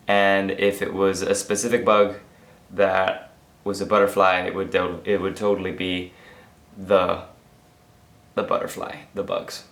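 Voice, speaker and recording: Hoarse and tired after a long work shift, a young vlogger is losing his voice to illness as he records a casual daily vlog in an echoey room. His voice is lowish but a bit bright, and he rambles and keeps interrupting himself.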